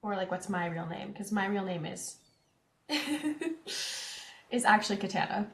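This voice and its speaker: A woman's voice: mid-range voice, expressive, measured pace, creaky, echoey room, a little hiss or hum. A young woman from Canada with a central Canadian accent, chatting casually with her viewers while playing a farming game. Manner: chatty, reads chat aloud, giggly asides. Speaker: streamer. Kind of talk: casual gameplay chat.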